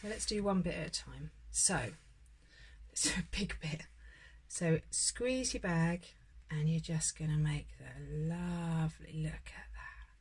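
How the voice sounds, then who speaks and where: A woman's voice: low voice, slow pace, husky. Chatty woman baking on camera. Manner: chatty and encouraging, talking while she works. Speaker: home baker demonstrating a recipe. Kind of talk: casual cooking tutorial.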